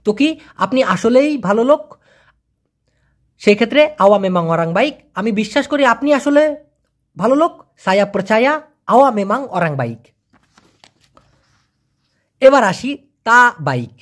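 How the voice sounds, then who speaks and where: Brief: language tutor from Bangladesh, animated up-and-down delivery, drills pronunciation slowly and patiently. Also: mid-range voice. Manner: encouraging asides to learners. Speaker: language teacher. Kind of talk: online language lesson.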